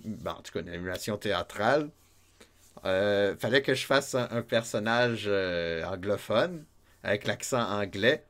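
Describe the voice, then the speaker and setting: A man with a Québécois accent streaming a retro game, chatting and joking with his viewers and laughing often. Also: on the low side. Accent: Québécois French. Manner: chatty, jokey, laughs often, reads chat aloud. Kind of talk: casual let's-play chat with viewers.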